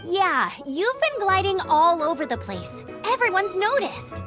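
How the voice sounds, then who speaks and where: A woman voicing an eager, friendly young female knight in an animated video game, with a chirpy, emphatic delivery. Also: extremely high pitch, slow, over music, exaggerated voice. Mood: teasing.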